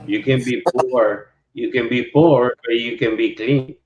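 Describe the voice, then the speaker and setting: A man from Nicaragua speaking slowly and reflectively in a casual chat, pausing often. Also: medium pitch, steady tone, darkish tone, a little hiss or hum. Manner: slow, reflective, with many pauses. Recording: dull lo-fi sound.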